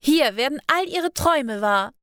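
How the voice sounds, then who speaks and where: Gushing young baker, read by a woman; very high, sing-song. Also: big pitch swings, normal speed, a bit bright, no echo, studio quality. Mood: theatrical.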